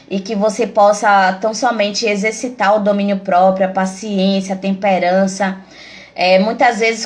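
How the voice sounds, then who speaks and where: A woman giving a conversational devotional talk on a live stream, with frequent fillers and restarts, acting out quoted speech. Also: medium pitch. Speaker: preacher.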